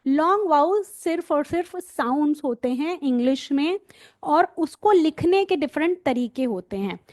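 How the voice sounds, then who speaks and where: Her voice sits high with a darkish tone, and she sounds animated as she teaches phonics to parents and teachers. The clean studio recording has no room sound, and she stretches out and repeats letter sounds for listeners to echo.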